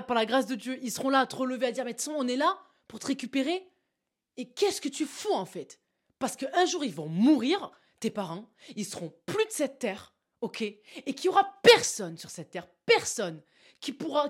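Young adult woman, slightly high pitch, casual motivational monologue to camera, animated and direct. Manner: emphatic, animated, addresses the listener with frequent "tu vois". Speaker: motivational vlogger.

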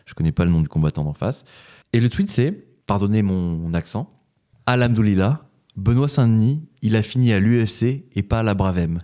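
A man's voice: on the low side, expressive, a little fast, mellow. A man hosting a casual round-table chat, teasing his guests and laughing often. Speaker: host.

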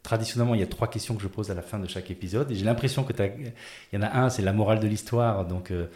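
A man hosting a podcast, asking friendly, rambling questions full of fillers. His voice is low. The recording carries a noticeable room echo. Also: racing, darkish tone. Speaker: podcast host. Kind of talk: casual interview talk. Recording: roomy echo.

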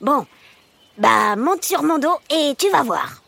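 Woman doing a gravelly, high little crab boy. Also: sing-song, slow, pushed and bright, heavily acted. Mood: cheeky. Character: cheerful young boy hermit crab wearing a snail shell.

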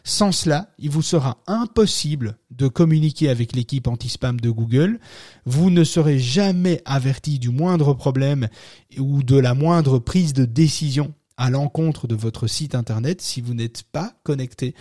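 Francophone guy rambling thru a live podcast from home, lots of euh and restarts, mellow dark voice, dry close sound. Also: mid-range voice, dry recording. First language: not French-born, francophone. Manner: rambling, many fillers and restarts; laughs at own asides. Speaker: podcast host. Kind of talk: casual live podcast talk.

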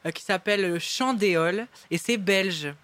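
A man's voice: sits high, normal speed, a bit bright, dry recording. A man, chatting as a guest singer in an interview in a restaurant, enthusiastic and rambling with many restarts. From Belgium. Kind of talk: casual interview chat.

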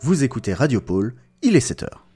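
A man's voice: mid-range voice, sing-song, a little fast, mellow, soft background music, lightly acted. A man playing an upbeat morning newsreader on a Christmas elves' radio station, reading a scripted comic bulletin in a playful announcer manner. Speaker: radio news presenter.

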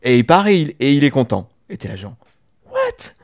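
A man's voice: mid-range voice, very animated, fast talker, gravelly, darkish tone. A man chatting casually as a podcast co-host, telling a long story with many restarts and hesitations. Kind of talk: casual chat about a TV series.

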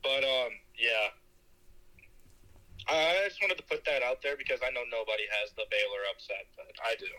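A young man in college, phoning in on speakerphone and chatting casually, blunt and quick to swear. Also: mid-range voice, bright, forceful tone, poor audio. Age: young adult. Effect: heard over a phone on speakerphone. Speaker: caller phoning in. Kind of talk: casual chat.

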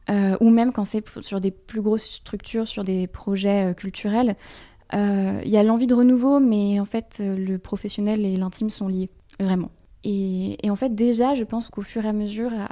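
A woman guest in a podcast conversation, speaking candidly in a halting way, with many fillers and frequent laughs. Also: medium pitch, darkish tone. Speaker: interview guest, brand designer.

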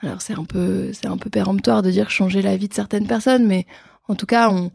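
A woman talks as a podcast guest about her fundraising work. Her voice has a gravelly edge, and she often pauses on fillers. The recording is dry and close. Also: mid-range voice, fairly even intonation, a little mellow, no echo. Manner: hesitant, many fillers. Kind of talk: casual interview.

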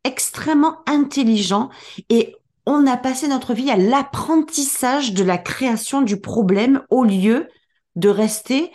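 Woman with a fairly high voice, reflective podcast co-host who builds long motivational points. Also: a little slow, darkish tone. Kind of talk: casual motivational podcast chat.

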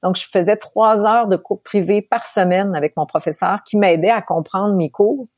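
A woman from Quebec with a Québécois accent, telling her story as an interview guest, animated and laughing often. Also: medium pitch, normal speed, no echo, clean studio sound. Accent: Québécois French. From Quebec, Canada.

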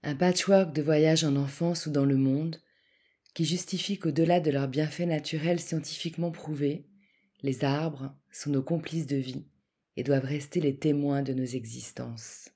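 Female host, scripted read, mellow dark tone, measured. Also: deep voice, fairly even intonation. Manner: measured, read-aloud delivery. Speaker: podcast host. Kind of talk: scripted narration.

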